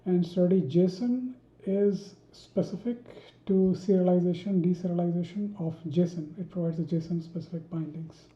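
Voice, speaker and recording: A woman teaching a coding tutorial, thinking aloud with many pauses, ums and restarts while she types. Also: lowish voice, fairly even intonation, warm tone. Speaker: programming tutor. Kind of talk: screen-recorded coding tutorial. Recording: dull roomy home recording.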